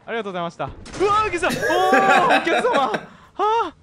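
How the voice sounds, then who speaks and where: A man's voice: extremely high pitch, wildly swooping pitch, racing, pushed and bright. A man doing live horror game commentary as a scared, jumpy streamer.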